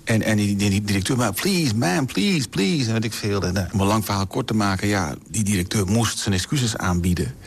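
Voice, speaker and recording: Husky-voiced man telling a story. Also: on the low side, fast talker, few pauses. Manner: lively, vivid anecdotal telling. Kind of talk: radio storytelling.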